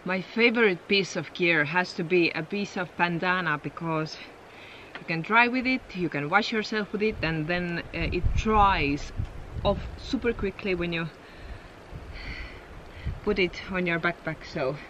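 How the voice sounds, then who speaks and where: A woman's voice: lowish voice, a little slow, sharp tone, slight background noise. A woman recording a casual hiking vlog outdoors on a mountain trail, chatty and easygoing, often laughing between remarks. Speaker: hiking vlogger. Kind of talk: casual vlog chat to camera.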